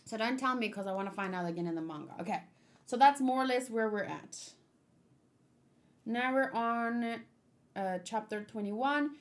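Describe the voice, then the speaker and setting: Reading along from a manga, a woman offers casual, spontaneous remarks in a fairly high voice at a moderate pace. Her style is relaxed and talkative, and she gives the characters' lines a bit of light acting.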